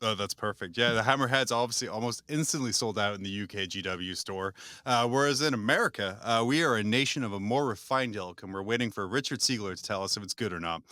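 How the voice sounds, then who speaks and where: A man hosting a gaming podcast, talking in a joking, animated way and laughing often. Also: on the low side, dry recording. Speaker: podcast host. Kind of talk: casual chat.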